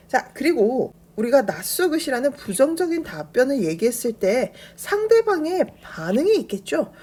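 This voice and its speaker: A woman teaching a beginner English lesson, explaining grammar step by step and repeating English phrases slowly and carefully. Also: on the high side, darkish tone, breathy edge.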